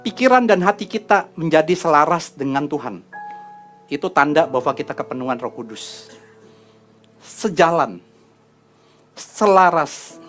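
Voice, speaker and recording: Middle-aged preacher, storytelling sermon, slightly high voice, soft music underneath. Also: male voice, animated, moderate pace, pauses often. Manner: chatty storytelling with asides to the congregation. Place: church hall.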